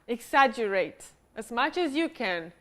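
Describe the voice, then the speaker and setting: A woman runs a pitch workshop, encouraging and directive as she coaches. Her voice sits a little high. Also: big pitch swings, unhurried, a little hiss or hum.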